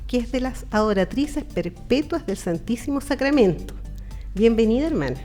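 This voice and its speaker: A Chilean woman hosts a radio program, interviewing in a chatty, friendly and informal way, with background music running as a bed beneath her voice. She speaks at a normal speed in an expressive, dark-toned voice that sits on the high side.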